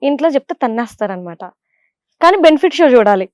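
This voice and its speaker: A young woman with a Godavari Telugu accent answers interview questions in a chatty, animated way, her voice sitting a little high. The sound is dry and close, with no room echo. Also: fast talker. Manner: chatty and animated, with frequent fillers. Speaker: serial actress, interview guest.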